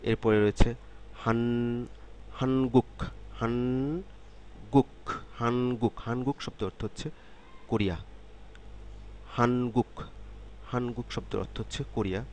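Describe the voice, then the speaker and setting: A man teaching a beginner vocabulary lesson, saying each word slowly several times and then explaining its meaning. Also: medium pitch, fairly even intonation, darkish tone, a little hiss or hum. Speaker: language teacher. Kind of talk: slow, repetitive vocabulary lesson.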